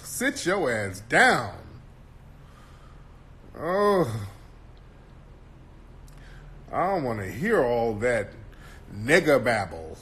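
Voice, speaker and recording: Brash, mocking man with a bright voice. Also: mid-range voice, very animated, very slow, long pauses. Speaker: host. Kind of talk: casual commentary.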